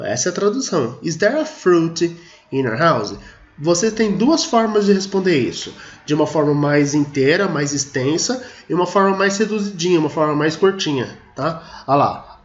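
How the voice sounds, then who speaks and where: A male teacher giving a grammar lesson step by step, who reads example sentences slowly and deliberately and often says "look here" to the class. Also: a little high, expressive. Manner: explains step by step, often saying "ó" and "olha só". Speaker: English teacher. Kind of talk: video lesson explaining grammar at a board. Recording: roomy, dull sound with faint noise.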